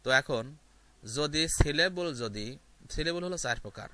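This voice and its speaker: Bright-voiced man teaching grammar. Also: fairly high pitch, expressive, a little slow. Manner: step-by-step explaining with frequent fillers and repeated examples. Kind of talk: explaining grammar lesson to viewers.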